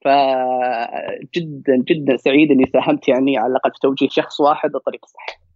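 A man with a Saudi accent telling a personal story and giving advice as a podcast guest, talking fast and repeating words for emphasis. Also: mid-range voice, fairly even intonation, a little mellow, dry recording. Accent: Saudi Gulf Arabic. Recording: dry, dull lo-fi sound.

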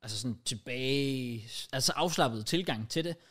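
Young Danish male, mid pitch, casual podcast chat full of slang and swearing. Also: a bit bright. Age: young adult. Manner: slangy, swearing, English loanwords mixed in.

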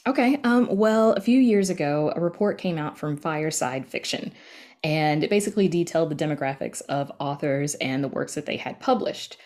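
A woman who writes and creates audio dramas appears as a podcast guest in a casual interview, explaining things conversationally and peppering her speech with "you know" and "like." Her low voice has a darkish tone, expressive delivery and a moderate pace.

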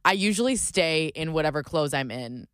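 A woman's voice: sits low, expressive, normal speed, fairly bright tone, clear, resonant tone, no room sound. A woman co-hosting a radio show from a studio, chatting in an informal, conversational way. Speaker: radio co-host. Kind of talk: casual chat.

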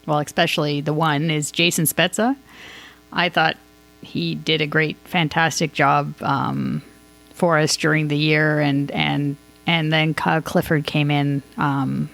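A woman talking casually as a sports podcast host, rambling and thinking out loud as she gives her opinions. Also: lowish voice, creaky, no echo. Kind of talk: casual hockey commentary.

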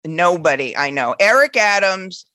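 A woman's voice: fairly low pitch, animated, moderate pace, sharp tone, no echo, clean studio sound. A woman from Queens, chatting casually and emphatically about her opinions as a co-host, repeating phrases for stress. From Queens, New York. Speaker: podcast co-host. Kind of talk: casual opinionated political chat.

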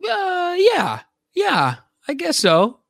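A man's voice: very high-pitched, wildly swooping pitch, extremely slow, creaky, fairly bright tone, dry recording, studio quality. A man, an actor, chatting casually as a guest on a radio show, in a rambling, easygoing way and laughing often. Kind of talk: casual radio interview chat.

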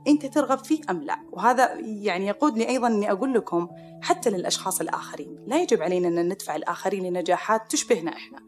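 A woman with a Saudi Arabic accent, a psychiatrist hosting a podcast, talking in an animated way and acting out the people she quotes. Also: medium pitch. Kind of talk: podcast monologue. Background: soft music.

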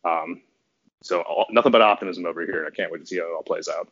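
A man's voice: sits low, fast talker, fairly bright tone, husky. Male podcast guest, giddy and rambling, dull audio. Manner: rambling and giddy, with frequent restarts and laughs. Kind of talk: casual sports podcast chat.

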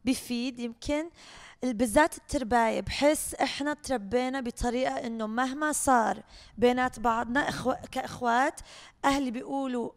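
A woman's voice: a little high, fairly quick, big-room sound. A woman, a podcast guest speaking casually, often starting with fillers and slipping into English. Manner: relaxed, hesitant starts with fillers, mixes in English. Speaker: podcast guest, one of two sisters. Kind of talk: casual chat.

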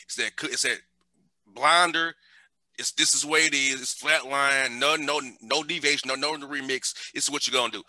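A man's voice: mid-range voice, steady tone, moderate pace, sharp tone, dry recording. A man in casual conversation, talking animatedly and repeating words for emphasis.

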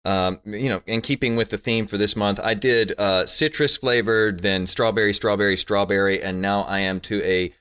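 A man's voice: fairly low pitch, normal speed, few pauses, clear, resonant tone. A man hosting a casual talk podcast over a video call, talking easily with lots of "uh" and "you know.". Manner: relaxed, filler-heavy, upbeat. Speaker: podcast co-host. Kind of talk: casual chat.

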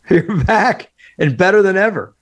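A man co-hosting a sports betting podcast over a remote call, talking in animated, opinionated bursts with many fillers. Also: sits high, unhurried. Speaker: podcast co-host, football analyst. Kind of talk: casual sports podcast chat.

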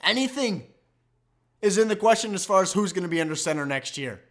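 A man's voice: high-pitched, expressive, brisk, fairly bright tone. A man hosting a sports podcast, ranting emphatically and with exasperation about his team's loss. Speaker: podcast host. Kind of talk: fan sports commentary podcast.

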